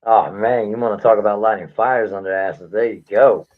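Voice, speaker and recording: A man comes through a tinny, phone-like call line that buzzes and glitches. He talks in a flat, level tone while pushing his point hard, blunt and fired up, circling back to the same phrases again and again. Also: on the low side, moderate pace. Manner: blunt, fired-up, repetitive rallying speech. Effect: buzzy, glitchy call audio. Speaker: guest activist. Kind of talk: impassioned advocacy talk on a live show. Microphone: remote call connection.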